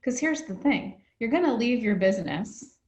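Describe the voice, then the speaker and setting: A woman's voice: fairly high pitch, lively intonation, normal speed, darkish tone, echoey room, slight background noise. A woman hosting an interview, talking in an earnest, reflective way. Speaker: host. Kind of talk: conversational interview.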